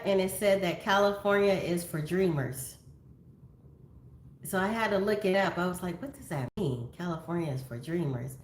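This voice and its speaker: Chatty fifty-something woman on a livestream. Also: medium pitch. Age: 50s. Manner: chatty, greets viewers by name, drifts into stories. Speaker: livestream host. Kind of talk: casual livestream chat reading viewer comments. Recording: echoey room.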